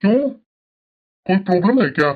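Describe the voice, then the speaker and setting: A woman's voice: mid-range voice, expressive, moderate pace, dull audio, voice pushed down, lightly acted. A woman putting on the voice of a casual but insistent male office boss in a cartoon.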